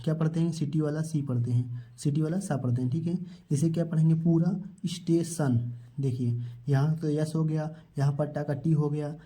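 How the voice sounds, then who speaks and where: A man gives a step-by-step spelling and pronunciation lesson, posing questions and answering them himself. His voice sits a little high for a man, and its tone is very dark and mellow. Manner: asks questions and answers them himself, repeating each word; addresses viewers as children. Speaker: English teacher.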